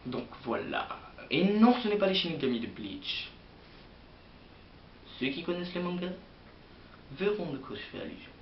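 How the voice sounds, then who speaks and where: A man's voice: high-pitched, big pitch swings, normal speed, pauses often. Hesitant young man, distant roomy lo-fi sound. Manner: hesitant, rambling with many fillers. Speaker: manga vlogger. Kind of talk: casual manga chronicle to camera. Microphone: built-in mic of an old computer setup. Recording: roomy, distant, dull lo-fi sound with faint hiss.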